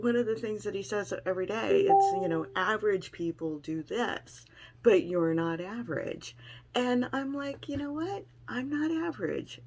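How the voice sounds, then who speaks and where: A woman's voice: medium pitch, creaky, darkish tone, slight background noise, rough recording. A middle-aged woman talking in a casual personal vlog, rambling and frank with some salty language. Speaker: vlogger sharing weight-loss surgery experience.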